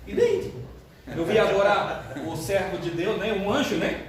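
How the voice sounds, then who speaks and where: An older man, a pastor, opening his sermon with jokes in a chatty, animated way. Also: high-pitched, moderate pace, a crowd in the background. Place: church sanctuary. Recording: echoey church hall, distant mic, room noise.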